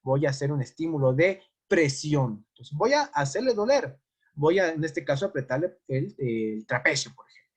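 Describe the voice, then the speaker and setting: A man's voice: fairly high pitch, very animated, moderate pace, slightly rough. A man teaching a first-aid class, explaining with worked examples and asking the class questions. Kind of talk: classroom lecture.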